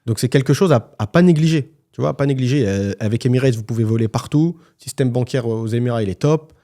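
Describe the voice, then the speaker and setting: A man's voice: mid-range voice, fast, dark tone. A man co-hosting a casual podcast conversation, talking frankly and colloquially, with many restarts. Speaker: podcast co-host, property agent.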